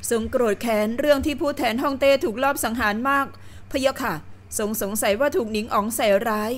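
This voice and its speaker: A woman's voice: on the high side, a little fast, lightly acted. A woman reading the part of a male court official who reports formally and deferentially to his lord. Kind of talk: audiobook character reading.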